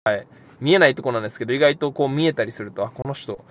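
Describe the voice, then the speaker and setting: A man's voice: mid-range voice, rapid-fire. A young man hosting a casual podcast and answering listener questions, easygoing and rambling with lots of fillers. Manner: relaxed, rambling, many fillers. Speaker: podcast host, pro basketball player.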